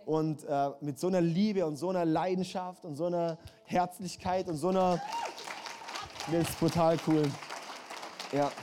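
A man's voice: a little high, fairly even intonation, moderate pace, mellow, a faint crowd. A man preaching a sermon, passionate and building to emphatic, repeated calls. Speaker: pastor.

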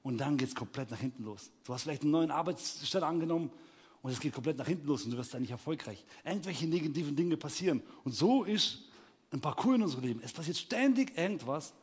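A young adult man preaching, telling a personal story with lively acted-out scenes and shouted peaks. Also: fairly high pitch, fast talker, husky. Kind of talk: animated sermon storytelling.

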